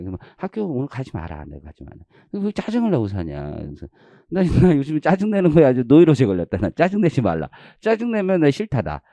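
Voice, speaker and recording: A man in his forties giving an exam-prep tax law lecture, blunt and animated, slipping into casual speech and the odd swear word. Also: medium pitch, dry recording.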